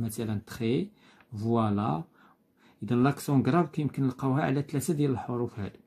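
A man with a Moroccan Arabic accent teaching a school lesson, patiently repeating key points and reading examples slowly. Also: medium pitch, warm tone.

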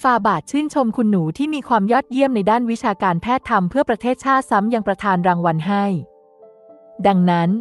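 A woman's voice: on the high side, expressive, quick pace, faint music behind, close to an everyday voice. A woman voicing a deferential male general who politely explains matters in an audio novel.

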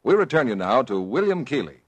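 A man as announcer, reading a 1940s radio commercial in a crisp, salesy way. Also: medium pitch, big pitch swings, fast talker, no room sound, highs cut off. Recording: dry old radio broadcast, faint audience.

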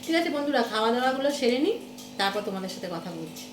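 A woman's voice: fairly high pitch, lively intonation, rapid-fire, music in the background. A woman in her thirties with a West Bengal accent, chatting casually to viewers while going about her day at home. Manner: chatty, talks to viewers directly. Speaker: vlogger. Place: home kitchen and rooms. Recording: echoey room with household noise.

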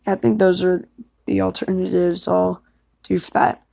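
A young woman recording a voice-acting audition chats casually, sounding self-conscious, hesitant, and apologetic. Her voice is fairly low, gravelly, and mellow with a sing-song lilt at normal speed, and the studio-quality recording is dry.

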